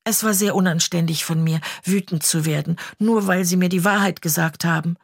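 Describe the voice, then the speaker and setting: A woman's voice: on the low side, fairly even intonation, a little fast, creaky, no echo, studio quality. A woman reading an audiobook, voicing a chatty, dramatic orphan girl in a trembling, gushing way. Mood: pleading.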